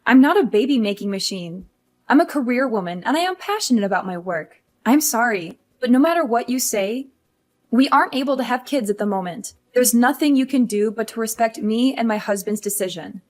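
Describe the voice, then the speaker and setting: A woman's voice: on the high side, animated, fairly quick, lightly acted. A woman voicing a frustrated young career wife who pleads and complains about her mother-in-law. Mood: exasperated. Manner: pleading, exasperated. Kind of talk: animated story voice acting.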